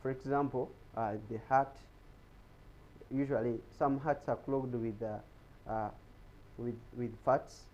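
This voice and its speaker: A man's voice: medium pitch, steady tone, slow pace, darkish tone, highs cut off. A man giving an explanatory talk on health in a TV studio, often repeating words as he searches for them. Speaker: guest speaker on health.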